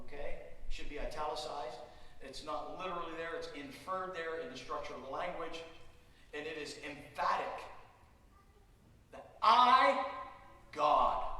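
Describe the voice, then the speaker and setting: Emphatic pastor preaching in an echoey hall. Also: male voice, medium pitch, recorded from a distance, slight background noise. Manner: emphatic, rising to loud repeated lines. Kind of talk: sermon. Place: large church sanctuary.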